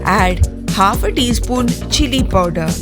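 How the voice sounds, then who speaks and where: A woman reads a recipe voice-over in calm, step-by-step instructions. She speaks slowly, and her pitch moves in a lively, sing-song way. Clear music plays under her voice. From India. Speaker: cooking channel host. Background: clear background music.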